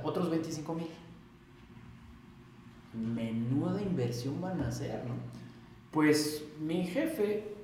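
A Mexican man telling a story in a casual interview, acting out past conversations in a livelier voice. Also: medium pitch. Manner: animated, acts out past dialogue in raised voice. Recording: very echoey room, faint noise.

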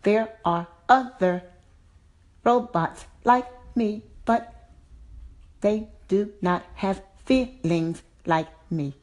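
A woman voicing a female robot from a faraway planet who speaks in a measured, deliberate tone. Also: medium pitch, darkish tone. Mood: secretive.

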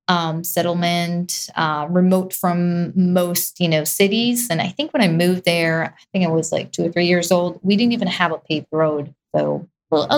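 A young woman from Israel, talking casually as an interview guest with many fillers and restarts. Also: fairly low pitch. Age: young adult. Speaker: real estate investor and guest. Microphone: video call.

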